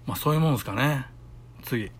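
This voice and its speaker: A man's voice: medium pitch, lively intonation, a little fast, breathy edge. A middle-aged man with a Kansai accent, chatting alone into his podcast and acting out the voices in his stories. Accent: Kansai Japanese. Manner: chatty storytelling, acts out quoted voices. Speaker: solo podcaster. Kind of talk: casual solo talk.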